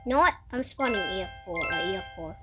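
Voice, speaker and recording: A woman giving casual gameplay commentary, talking to herself in an excitable, exclaiming way. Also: medium pitch, brisk, over loud music. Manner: excitable, exclaiming and muttering to self. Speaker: gamer narrating gameplay.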